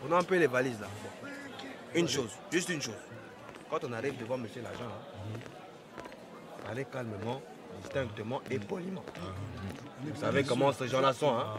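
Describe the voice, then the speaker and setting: A man acting a blustering traveler who leads his group and is quick to anger, in a comic sketch. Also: mid-range voice, animated, over music, close to an everyday voice. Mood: coaxing. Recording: crowd noise behind. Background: airport crowd noise.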